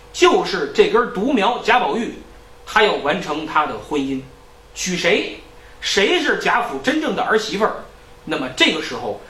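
A man lecturing in a lively storytelling style, acting out characters' lines. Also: fairly high pitch, echoey room, far from the mic, slight background noise, poor audio.

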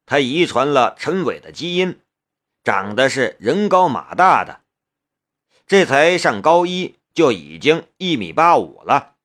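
A man narrating an audiobook with expressive storytelling. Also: a little high.

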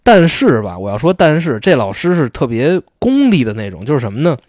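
A man's voice: medium pitch, big pitch swings, brisk, a little mellow, dry recording, clean studio sound. A man telling slangy, chatty stories as a podcast host. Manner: chatty, slangy storytelling, often asks "you know?". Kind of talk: casual storytelling chat.

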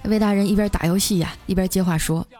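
A woman's voice: medium pitch, fast talker, soft background music. Chatty woman host telling comic stories. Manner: lively, chatty, laughs through her punchlines. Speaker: radio host. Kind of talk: comic storytelling.

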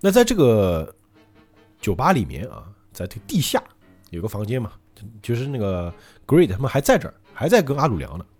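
A man's voice: mid-range voice, a little fast, husky, faint music behind. A man hosting a podcast, casually retelling a story and acting out every character. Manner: animated, acts out every character. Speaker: podcast host.

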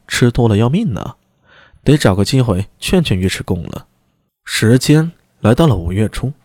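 A man reading a serialized historical novel aloud in a steady storytelling manner. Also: mid-range voice, dry recording, clean studio sound. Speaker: narrator.

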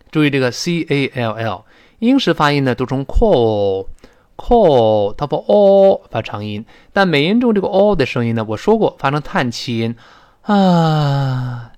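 A man teaching spoken English with a Chinese accent, explaining slowly and drilling words again and again. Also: mid-range voice. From China.

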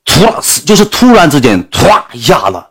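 A man's voice: on the high side, huge pitch swings, normal speed, a bit bright, breathy edge. A man with a Northeastern Mandarin accent, a livestreamer telling a crude comic story full of sound effects.

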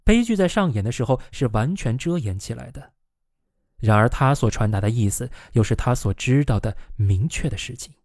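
A man's voice: medium pitch, expressive, moderate pace, darkish tone, no room sound, clean studio sound. A man reading a novel aloud as narrator, giving the quoted characters a raised voice.

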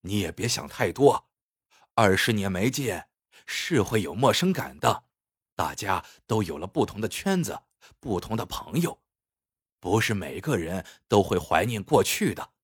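A man's voice: lowish voice, expressive, normal speed, breathy edge, no echo. A man voicing a friendly, shrewd middle-aged male photo studio owner with a chatty, reassuring salesman tone. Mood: consoling.

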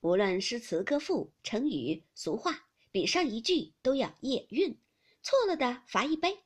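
A lively young maid who takes charge of a drinking game, bossy in a playful way, as a woman reads her part. Her lines come a little higher and louder than the narration, bright in pitch and swinging widely. A husky edge stays on the voice. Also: measured pace, full character voice. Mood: explaining. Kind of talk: audiobook character reading.

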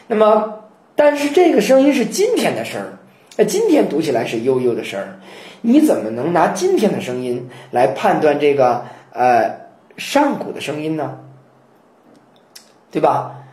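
A man teaching the chanting of classical poetry, explaining in a lively lecture and breaking into slow chanted verse. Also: on the high side. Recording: roomy echo.

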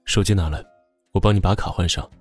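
A woman voicing a calm, wealthy young male tycoon in an audiobook, with a low, unhurried and quietly soothing delivery. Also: slightly rough, no echo, faint music behind. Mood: calm tender. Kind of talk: audiobook character voice.

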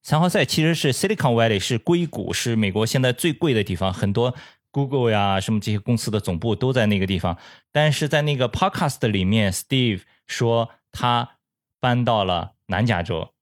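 A man from China hosting a casual chat, speaking with a Chinese accent, mixing English words into his talk and halting when he speaks English. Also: medium pitch, expressive, no room sound, studio quality. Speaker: host.

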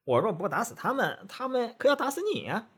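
A man voicing a cocky, quick-tempered male monkey king in a storybook tale, with a brash, mocking manner. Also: extremely high pitch, sing-song, fairly bright tone, slightly rough, voice pushed up, exaggerated voice.

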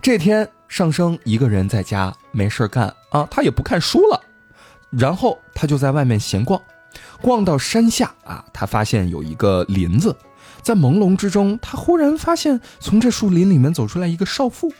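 A man's voice: a little high, normal speed, husky, soft background music. A man hosting a podcast, telling a ghost story in a casual, joking way with his co-hosts. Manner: lively, playful, joking with co-hosts.

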